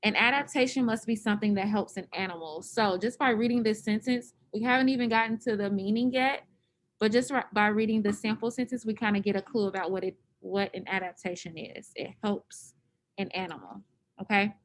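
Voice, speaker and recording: A woman's voice: mid-range voice, brisk, slight background noise. A woman teacher leading an online class, patiently explaining step by step over a computer microphone.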